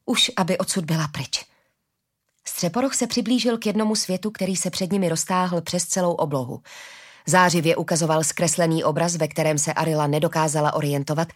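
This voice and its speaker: A woman narrating a fantasy audiobook in a lively, expressive reading. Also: on the low side.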